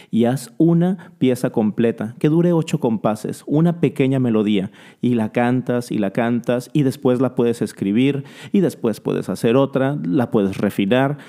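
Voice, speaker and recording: Man in a mellow-voiced music lesson. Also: mid-range voice. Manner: scats rhythm syllables aloud, coaching the listener; encouraging, talks directly to the listener. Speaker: music teacher.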